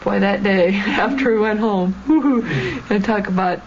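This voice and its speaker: A woman's voice: mid-range voice, slow. A young woman, a former student, recalling her experiences in a plainspoken, emphatic way. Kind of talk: candid personal recollection. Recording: dull lo-fi documentary audio with faint room noise.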